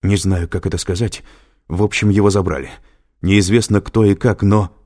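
A man's voice: deep voice, a little fast, a little mellow, voice pushed up. A man reading an audiobook, voicing an anxious male professor who speaks tensely and urgently. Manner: tense and pleading.

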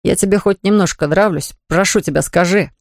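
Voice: medium pitch, fairly quick, vocal fry, no room sound, clean studio sound, lightly acted. A reader doing an earnest young man in love. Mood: imploring. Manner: earnest, imploring.

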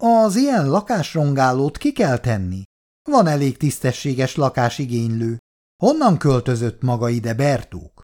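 A man voicing a calm, firm older housing committee official who speaks with steady authority, in an audiobook reading. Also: medium pitch, voice pushed up, close to an everyday voice.

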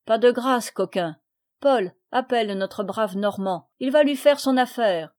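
A woman reading a stern scolding nobleman. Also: mid-range voice. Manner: firm, scolding, raised voice. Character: stern commanding nobleman, older husband and father.

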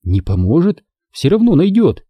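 A man's voice: fairly high pitch, wildly swooping pitch, normal speed, breathy edge, dry recording, lo-fi sound, voice pushed up, exaggerated voice. A man voicing a playful, mannered young woman in an audiobook. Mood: teasing.

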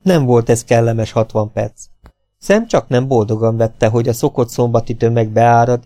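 Man reading a novel aloud, mellow tone, dry close sound, steady pace. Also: fairly low pitch, no echo. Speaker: audiobook narrator. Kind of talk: audiobook reading.

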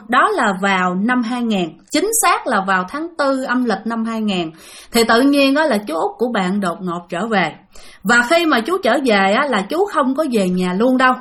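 Woman storyteller, ghost tale, chatty, talks straight to listeners, slightly high voice. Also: a bit bright. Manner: chatty, addresses listeners directly. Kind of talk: spoken ghost story narration.

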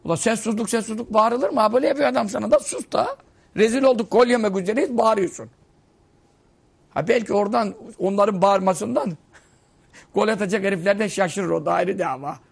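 A man's voice: sits high, a little fast, gravelly, slightly rough. A male preacher giving a conversational sermon, humorous and scolding, telling stories.

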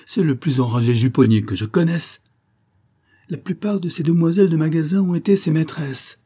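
A man's voice: a little high, normal speed, dark tone, husky, voice pushed up. Man putting on a teasing young shop girl. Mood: mocking.

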